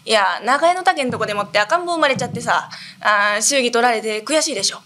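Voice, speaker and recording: A woman voicing a brash, cheeky young townsman in a rakugo storytelling performance, with quick slangy banter. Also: a little high, expressive, pushed and bright, a little hiss or hum. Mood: eager.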